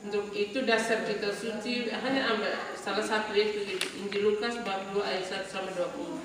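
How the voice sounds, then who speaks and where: A woman's voice: mid-range voice, fairly even intonation, noisy background. Woman teaching from far off in an echoey room. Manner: explains slowly with repeated "ya" asides, drawn-out words. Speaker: religion teacher. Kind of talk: classroom lecture.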